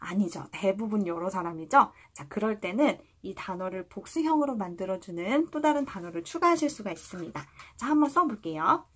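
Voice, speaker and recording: A woman teaching a language lesson, asking questions and answering them herself, with slow, clear model readings for the viewer to repeat. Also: mid-range voice, very animated, fairly bright tone.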